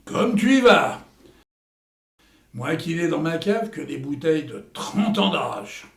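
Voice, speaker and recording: Guy playing hammy old war vet in a stage comedy, florid and boastful, gravelly, roomy echo. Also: on the high side, very animated, slow, exaggerated voice. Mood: jovial, boastful. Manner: hammy, theatrical stage delivery with florid slang. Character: Hector, boastful old war veteran and amateur playwright. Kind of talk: theatrical comedy acting. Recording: echoey room.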